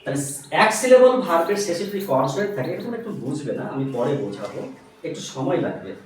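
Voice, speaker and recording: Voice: medium pitch, big pitch swings, fast talker. A patient tuition teacher leads a grammar lesson, spelling words out letter by letter and firing questions at the pupils. The voice rises and falls a great deal. It is recorded from across a small, very echoey classroom. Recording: echoey room, mic far off.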